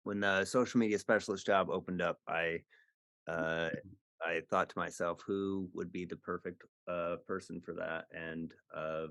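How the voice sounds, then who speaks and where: A man hosting a casual podcast, relaxed and a bit hesitant, with lots of fillers. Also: fairly low pitch, no room sound. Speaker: podcast host, company boss.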